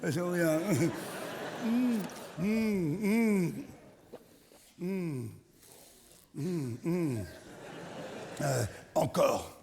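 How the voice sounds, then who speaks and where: A man's voice: sits high, very slow, vocal fry, long pauses, slight background noise. A middle-aged man performing a crude, teasing stand-up routine on a theatre stage, egging on his audience. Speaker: stand-up comedian. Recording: live hall recording, loud crowd.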